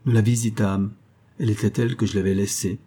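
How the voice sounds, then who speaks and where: A man reading a literary travel story as an audiobook narrator, in a measured storytelling manner. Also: fairly low pitch, steady tone, mellow, slightly rough.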